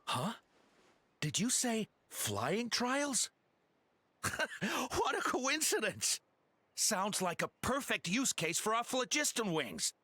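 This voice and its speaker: A man voicing a smug game merchant with slow, theatrical villain menace. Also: sits high, huge pitch swings, sharp tone, dry recording, heavily acted. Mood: smug, scheming. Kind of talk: scripted game character acting.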